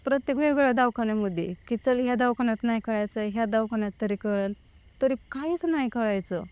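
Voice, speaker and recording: Her delivery is fast and her pitch sits on the high side, yet the tone is darkish and clean. She's a young woman appearing as a guest, casually describing her own experience and filling the story with quoted back-and-forth from the people in it.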